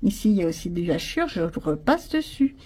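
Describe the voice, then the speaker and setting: Her voice is fairly low and sing-song, fairly quick, warm yet slightly rough. The coloring channel host chats casually with viewers as she colors a picture in pencil, thinking out loud.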